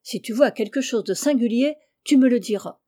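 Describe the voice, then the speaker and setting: An obsessive, excitable man barks urgent questions and orders, as a woman reading the story voices him. The delivery is a little higher and louder than her narration, with a warm, mellow tone. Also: normal speed, close to an everyday voice. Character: excitable eccentric man, obsessed treasure seeker.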